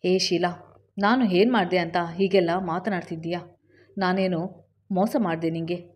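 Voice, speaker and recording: A woman voicing an unfaithful young husband who pleads in a hurried voice. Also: lowish voice, fairly even intonation, a little mellow, lightly acted. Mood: defensive.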